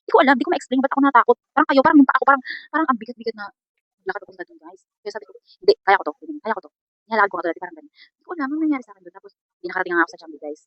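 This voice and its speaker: Fast, chatty woman vlogger. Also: fairly high pitch, dry recording. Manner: rambling, chatty, keeps saying "guys". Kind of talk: casual storytelling vlog. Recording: dull lo-fi sound.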